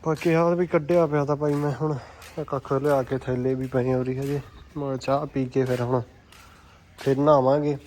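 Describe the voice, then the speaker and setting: A man's voice: mid-range voice, level tone, moderate pace, a little mellow. A man with a Malwai Punjabi accent chatting casually and informally to viewers as a vlogger who keeps horses. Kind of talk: casual vlog chat. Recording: noisy handheld vlog with ambient sound.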